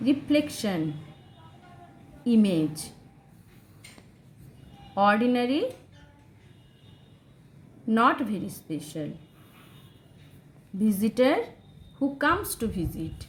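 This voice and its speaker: A woman teaching an English textbook lesson with a Bengali accent, reading English sentences slowly and then translating them. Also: on the high side, big pitch swings. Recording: roomy echo, faint background noise.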